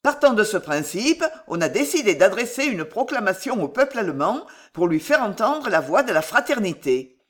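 A reader voicing an excitable, jovial one-armed man who talks in loud exclamations. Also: mid-range voice, moderate pace. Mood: earnest. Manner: exclamatory, lively.

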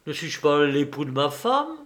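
A man's voice: on the high side, big pitch swings, a little slow, fairly bright tone. A man doing a dignified, distressed husband. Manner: plaintive, dignified.

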